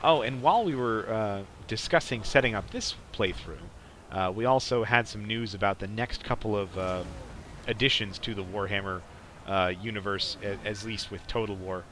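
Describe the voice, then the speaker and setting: A young podcast host rambles casually while commenting on the strategy game he is playing, constantly saying "like." His voice is lowish, pushed and bright, at a moderate pace. There is a little hiss or hum.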